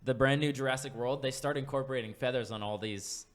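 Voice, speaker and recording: A man of middling pitch co-hosting a casual podcast. He rambles along with plenty of fillers and restarts. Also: quick pace. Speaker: podcast co-host. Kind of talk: casual chat. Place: podcast studio.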